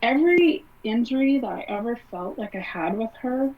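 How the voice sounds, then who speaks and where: A woman's voice: on the high side, expressive, normal speed, a little hiss or hum. A woman, a guest on an interview podcast, telling a personal story in a casual, conversational way, with many fillers. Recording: slightly distant, dull podcast audio.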